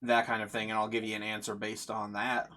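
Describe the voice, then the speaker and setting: A man running a tabletop game as game master, narrating and chatting casually, pausing to think as he goes. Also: fairly low pitch, completely flat delivery, bright, forceful tone.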